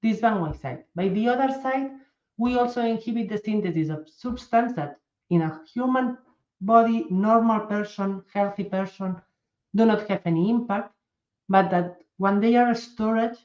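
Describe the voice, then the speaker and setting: A woman from Spain, a pharmaceutical medical director, presents a medical talk at a conference over video call, carefully restarting phrases as she searches for English words in her Spanish accent. Her mid-range voice has a dark tone, and the muffled recording carries room echo.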